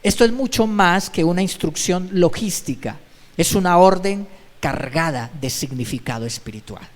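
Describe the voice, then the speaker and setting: Guy preaching, pretty high voice, long echo like a big church hall, keeps repeating the same urging lines. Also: animated, moderate pace. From Colombia. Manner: emphatic preaching with repeated exhortations. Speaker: pastor. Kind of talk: sermon.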